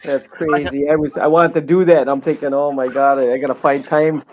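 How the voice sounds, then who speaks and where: A man's voice: fairly high pitch, flat delivery, a little fast, lo-fi sound, slight background noise. A man chatting on a livestream as a guest, plain-spoken and joking. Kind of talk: casual chat.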